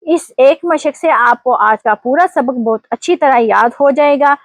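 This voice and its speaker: Dry close-miked woman teaching slowly. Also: sits high, no room sound. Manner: slow, deliberate explanations with quiz prompts. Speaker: language teacher. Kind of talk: online language lesson.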